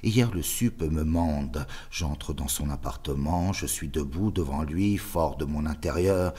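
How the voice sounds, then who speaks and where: A man's voice: rumbling low, measured pace, mellow, husky. A man giving a theatrical dramatic reading of a literary story with lingering delivery. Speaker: reader.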